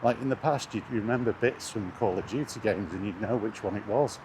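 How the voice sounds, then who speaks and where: Speaking a little fast in a lowish voice, a British man rants bluntly and with open contempt, cursing casually. He's a gaming vlogger strolling outdoors near traffic, and vehicle and street noise are audible.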